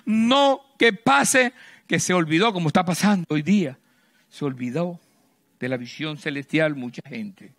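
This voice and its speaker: A middle-aged man preaching a sermon into a handheld mic on a church stage, swinging between loud emphatic bursts and hushed low lines. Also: unhurried. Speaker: pastor.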